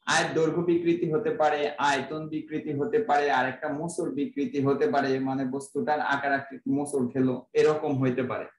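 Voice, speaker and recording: A man's voice: on the high side, flat delivery, fairly quick, hardly any pauses, reverberant, far from the mic, low-quality recording. A man with a Bangladeshi Bengali accent giving a physics class, explaining step by step, asking his own questions and then answering them. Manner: uses everyday examples. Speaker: physics lecturer. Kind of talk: classroom lecture.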